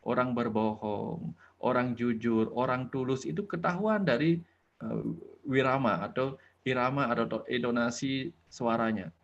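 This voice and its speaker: A man's voice: mid-range voice, unhurried. Man, spiritual teacher, earnest explanatory talk, dull lo-fi sound. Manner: earnest, explanatory, leads a guided prayer.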